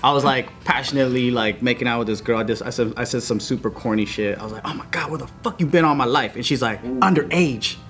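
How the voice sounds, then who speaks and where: A man co-hosting a casual podcast, teasing and telling animated stories. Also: mid-range voice, fast, few pauses, faint music behind. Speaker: co-host.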